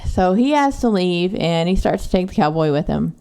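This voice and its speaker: A woman from Texas, chatting through a book recap in a casual podcast. Her voice is mellow and dark, and she swears freely and sarcastically. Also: lowish voice, expressive, normal speed, smooth. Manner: profane, sarcastic. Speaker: podcast co-host.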